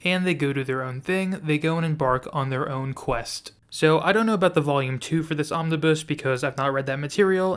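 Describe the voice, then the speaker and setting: A man hosting a casual comic book review channel, talking in a chatty, friendly way with self-deprecating asides. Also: fairly high pitch. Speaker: YouTube host reviewing comic book collections.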